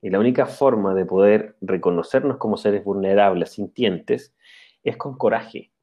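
A man giving a calm, reflective spiritual talk, often checking in with a questioning "ya" and pausing on "eh". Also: fairly low pitch. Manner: calm, explanatory, pauses with "eh". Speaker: spiritual speaker. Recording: dull lo-fi recording.

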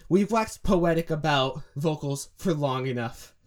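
A man's voice: on the high side, a little slow. A young man breaking down vocal diction. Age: young adult. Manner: explains pronunciation by demonstrating sounds. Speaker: music analysis co-host. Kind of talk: casual analytical chat.

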